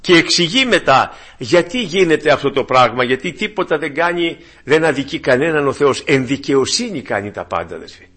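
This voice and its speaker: Male preacher, fervent sermon, husky voice pitched a bit high, big swings in loudness. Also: expressive. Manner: fervent, swings from loud emphasis to near-whispered asides. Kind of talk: evangelical sermon.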